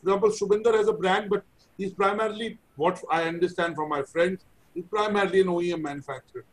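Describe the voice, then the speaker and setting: A middle-aged man with an Indian accent and a notably high voice hosts an interview on a video call. He talks in a chatty, anecdotal style and pokes fun at himself. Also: fast talker, low-quality recording. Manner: chatty, anecdotal, self-deprecating. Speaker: interview host. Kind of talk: conversational interview. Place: indoor room, video call.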